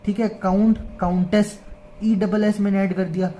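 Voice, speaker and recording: Woman, grammar tutor, calm and repetitive, mellow voice. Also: medium pitch, lo-fi sound, a little hiss or hum. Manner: patient, repeats "ठीक है" and "है ना" often; reads English lines slowly, word by word. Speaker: grammar teacher. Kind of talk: explaining an English grammar lesson in Hindi.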